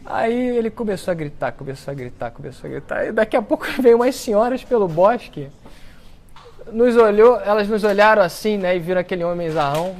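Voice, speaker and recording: A man giving a storytelling talk to an audience, acting out the quoted speech with lively shifts in his voice. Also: high voice. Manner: animated storyteller who acts out quoted speech. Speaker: speaker at a book launch talk. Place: lecture event before an audience.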